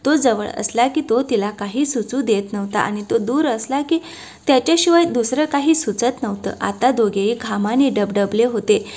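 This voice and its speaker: Woman reading a love story out loud, soft steady telling, bit of a high voice. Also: moderate pace. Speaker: narrator. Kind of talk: scripted romantic story narration.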